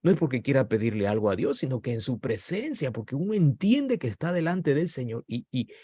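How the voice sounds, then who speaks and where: A pastor preaches a passionate sermon in a brisk, sing-song voice with a dark tone and breathy edge, his pitch rising suddenly at points of emphasis. The recording is dry and studio quality.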